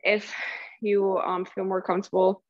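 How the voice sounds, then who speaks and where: A woman's voice: medium pitch, flat delivery, moderate pace, lo-fi sound. A woman fitness coach giving workout cues and counting down sets, a little out of breath. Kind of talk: workout instruction. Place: exercise space.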